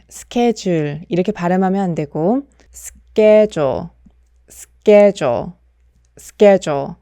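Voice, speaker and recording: A young adult woman with a mellow, mid-range voice gives a scripted English pronunciation lesson, carefully repeating model words and explaining in between. The recording is dry and of studio quality.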